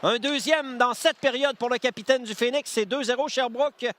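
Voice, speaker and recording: A man giving excited hockey play-by-play, describing in full phrases and rising into shouted calls. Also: very high-pitched, moderate pace, no room sound. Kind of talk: excited sports commentary.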